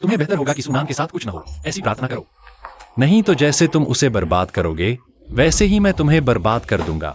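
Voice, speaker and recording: An actor dubbing a stern, cold young husband from a wealthy family, curt and commanding. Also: male voice, mid-range voice, big pitch swings, fast, slight background noise, natural voice. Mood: threatening. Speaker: husband in a short drama, Hindi dub. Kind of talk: dubbed drama acting.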